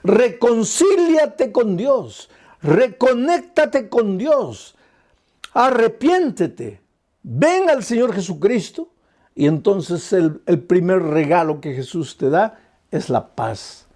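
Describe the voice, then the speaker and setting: A man's voice: high voice, sing-song, slow, darkish tone. A male pastor delivering an earnest, pleading sermon full of repeated phrases.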